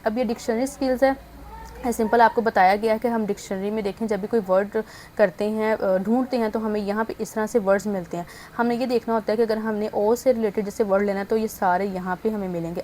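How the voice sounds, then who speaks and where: A woman teacher walking students through an English textbook exercise, mixing English terms into her speech and sounding out words slowly. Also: mid-range voice, fairly even intonation, a little mellow, slight background noise. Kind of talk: explaining a textbook exercise in an online lesson.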